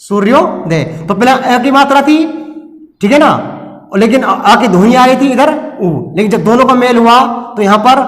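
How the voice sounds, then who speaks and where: A man's voice: extremely high pitch, normal speed, fairly bright tone, long reverb tail. A man teaching a recorded lesson, explaining step by step and asking and answering his own questions.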